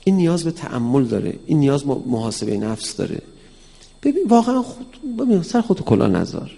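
Cleric-lecturer, male, raspy and gravelly, animated sermon style that acts out dialogue, recorded in a big echoing hall. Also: medium pitch. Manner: lively, acts out quoted dialogue in a raised voice. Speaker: cleric teaching mysticism. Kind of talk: religious lecture to an audience. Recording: long hall reverb.

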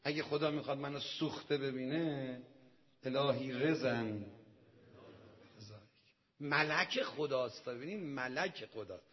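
A man preaching to an audience of men, telling a sacred story dramatically and swinging from hushed asides to loud outbursts. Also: medium pitch, dull audio. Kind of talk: storytelling sermon to a male audience.

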